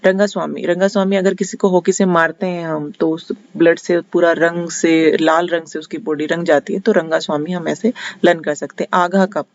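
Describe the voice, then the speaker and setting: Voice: mid-range voice, flat delivery, dry recording. Patient Haryanvi teacher, dull dry recording. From Haryana, India. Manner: patient, explains step by step, restates points with many pauses. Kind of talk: general knowledge lesson with memory tricks.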